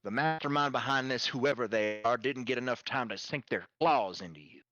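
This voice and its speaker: A man's voice: medium pitch, fairly quick, sharp tone, dry recording, highs cut off, pitched below the performer's own voice, close to an everyday voice. A man voicing a foul-mouthed, sardonic guide in a tabletop game, blunt, knowing and taunting.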